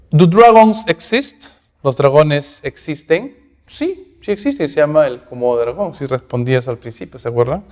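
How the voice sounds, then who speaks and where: A man's voice: medium pitch, a little mellow, big-room sound. A man teaching an English class in Spanish, reading English sentences aloud and checking in with his students constantly. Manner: explains in Spanish, reads English aloud, keeps asking "¿no?". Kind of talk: recorded class lesson.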